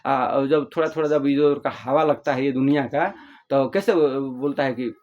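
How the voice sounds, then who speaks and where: A man's voice: medium pitch, a little fast, darkish tone, lo-fi sound. A man from northern India casually about spiritual questions, repeating himself and acting out small everyday dialogues as examples. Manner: repetitive, explains with homely examples, acts out little dialogues.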